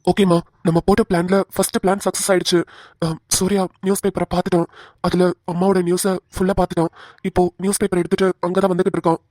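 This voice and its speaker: A woman's voice: lowish voice, level tone, fast, mellow, no echo, clean studio sound, lightly acted. Woman voicing an urgent stammering young man.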